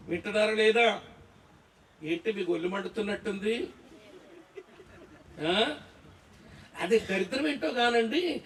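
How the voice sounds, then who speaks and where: A man's voice: extremely high pitch, a bit bright. A man preaching a sermon to a pastors' conference, firing rhetorical questions at the crowd and checking they follow. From Andhra Pradesh, India. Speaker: Bible teacher preaching. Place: large echoey hall. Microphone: distant from the mic. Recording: echoey hall, voice from far off.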